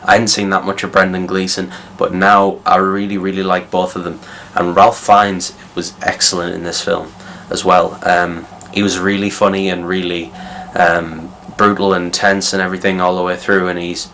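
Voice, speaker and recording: A man's voice: sits low, flat delivery, normal speed, few pauses, a bit bright, a little hiss or hum. A young man giving a casual, rambling spoken movie review, full of fillers and restarts. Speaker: film reviewer.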